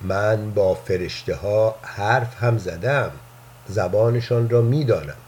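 A man doing a gentle, wondering old man. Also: medium pitch, animated, a little hiss or hum, lightly acted. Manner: soft, earnest, confiding. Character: gentle, playful old man who believes in angels. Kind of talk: storybook reading.

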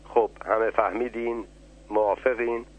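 A commanding male sparrow leader in a radio storybook, read by a man, low and husky, thin phone-like sound. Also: little pitch movement, close to an everyday voice. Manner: commanding, giving orders. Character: bossy clever male sparrow flock leader. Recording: tinny phone-like radio line.

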